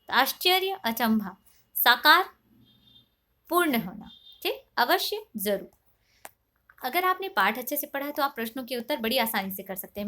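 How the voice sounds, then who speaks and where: A woman's voice: a little high, sharp tone. A woman teacher taking a young class through a lesson, asking questions and then answering them herself in a patient way, with English words mixed in. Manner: patient, asks and answers her own questions; mixes English words into her speech. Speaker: primary school teacher.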